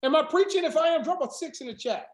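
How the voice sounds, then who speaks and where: A hoarse man coaching a business team on a video call, preaching with fire and breaking into shouts. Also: very high-pitched, animated, fast, echoey room. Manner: fiery preaching, rising to shouts. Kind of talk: motivational sales training on a video call.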